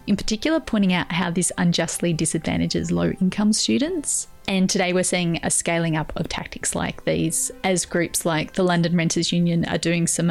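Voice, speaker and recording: A woman's voice: lowish voice, creaky, darkish tone. A woman presenting in a chatty, enthusiastic way. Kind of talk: casual presenting.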